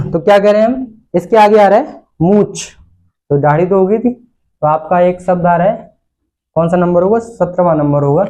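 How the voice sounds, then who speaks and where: A man's voice: high voice, moderate pace, long pauses, warm tone. A male Sanskrit teacher, teaching in a classroom lecture style. He repeats words and asks questions, then answers them himself. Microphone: recorded lesson video.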